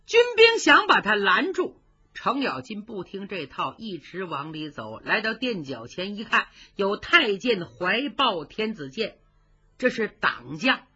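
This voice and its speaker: A woman's voice: mid-range voice, sing-song, measured pace, bright, forceful tone, slightly rough. A woman telling a traditional story in a vivid, rhythmic manner, voicing sound effects. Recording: dull lo-fi recording.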